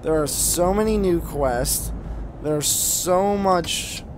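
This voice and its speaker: Speaking slowly in a high-pitched voice, this video host rambles and swears enthusiastically through casual gameplay commentary. He has a slight speech impediment, and the background is noisy with music underneath.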